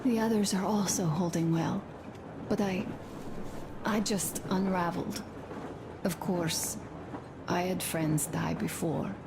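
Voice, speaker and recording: In a video game, a young wife tenderly confides in her husband, speaking slowly and softly in a reflective, intimate manner while grieving and anxious. Her voice is on the low side with a steady tone, and clear ambient noise sits behind it.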